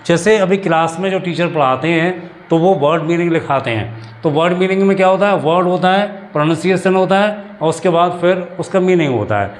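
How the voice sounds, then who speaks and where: A man teaching English grammar in a classroom-style lesson, explaining slowly and repeating himself often. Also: sits high. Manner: explains slowly with many repetitions and restarts.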